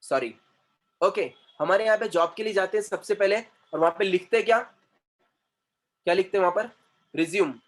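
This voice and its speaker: A man's voice: sits high, brisk, long pauses. A man teaching English pronunciation in a classroom-style lesson, emphatic and repeating words to drill them, switching between Hindi and English.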